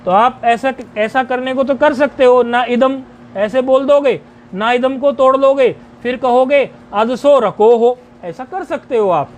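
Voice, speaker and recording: A man teaching a grammar lecture, explaining rules deliberately and chanting each rule syllable by syllable. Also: extremely high pitch.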